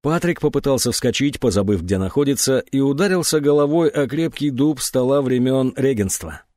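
Male narrator, dramatic reading, animated pitch, dry close sound. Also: normal speed, dry recording. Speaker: audiobook narrator. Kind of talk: scripted narration.

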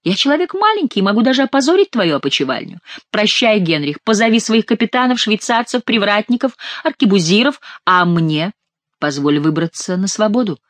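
A woman voicing a mocking, quick-witted male court jester in an audiobook. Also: mid-range voice, sing-song, dry recording, voice pushed up, close to an everyday voice. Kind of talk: audiobook character reading.

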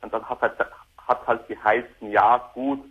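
A man in his thirties calls in on a speakerphone headset. His voice is very husky, and he talks haltingly, repeating his words. The sound is muffled, like a dull lo-fi phone line. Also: medium pitch, fairly even intonation. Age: 30s. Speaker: caller. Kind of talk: call-in radio conversation.

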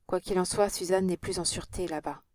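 A woman's voice: fairly low pitch, steady tone, a little fast, a little mellow, no room sound, studio quality, natural voice. A woman reading an audiobook and voicing an impassioned young Parisian woman with an earnest, dramatic manner.

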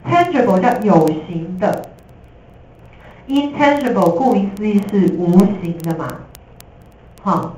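A woman teacher with a Taiwanese Mandarin accent gives a lively, jokey classroom lecture, slipping in English terms. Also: mid-range voice, takes it slowly, long pauses. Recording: echoey room from a distance.

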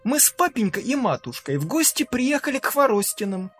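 Two cheerful, trusting little girls of about ten chatter in a very high voice, as a male narrator puts them on. They sound open and excited. They are part of a spoken storybook. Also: a little fast, breathy edge, faint music behind, full character voice. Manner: high, bright childlike chatter.

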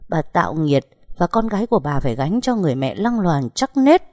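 A woman's voice: low voice, very animated, a little fast, a little mellow, no echo, clean studio sound. Woman doing a sneering rich older lady. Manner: sneering, cutting. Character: arrogant wealthy older woman, mocking.

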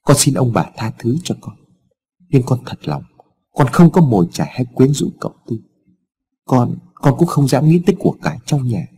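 A man doing a trembling young servant woman in a storybook, begging through tears and speaking meekly. The voice is husky and soft-toned. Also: medium pitch, animated, normal speed. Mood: tearful begging.

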